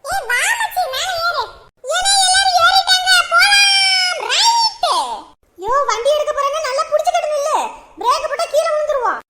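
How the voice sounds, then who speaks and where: An actor playing a loud, joking young village man who shouts and teases his friends. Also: very high-pitched, expressive, fast talker, a crowd in the background. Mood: excited.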